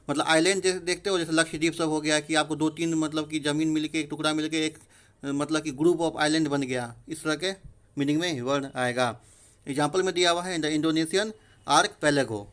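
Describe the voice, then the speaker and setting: A man explaining English vocabulary in Hindi, reading the English definitions out slowly. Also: on the high side, fairly bright tone. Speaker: vocabulary teacher. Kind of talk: explaining word meanings in a recorded lesson.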